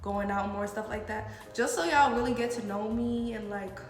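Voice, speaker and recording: In a very echoey, reverberant room with music behind her, a young American woman chats to her vlog viewers. Her voice sits fairly high and sounds stuffed up, as if through a blocked nose from a head cold. She talks informally, peppering her sentences with "like". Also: moderate pace. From United States, partly New York City. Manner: informal, frequent "like". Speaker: video blogger. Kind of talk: casual chatty Q and A vlog.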